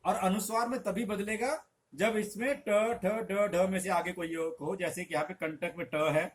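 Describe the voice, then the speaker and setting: Patient male Hindi teacher, slightly high voice. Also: steady tone, a little hiss or hum. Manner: slow, emphatic drawing out of example sounds; patient, instructive. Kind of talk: explanatory lesson.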